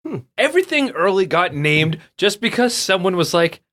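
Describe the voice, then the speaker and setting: A man's voice: high-pitched, very animated, a bit bright. Joking man on a comedy podcast. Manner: joking, quick asides. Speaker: podcast host.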